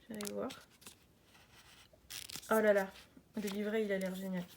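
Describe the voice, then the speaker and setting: A woman's voice: medium pitch, little pitch movement, moderate pace, gravelly, a little hiss or hum. Chatty woman unboxing a card deck. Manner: chatty, enthusiastic, many hesitations. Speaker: tarot and oracle deck reviewer. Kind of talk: casual unboxing chat.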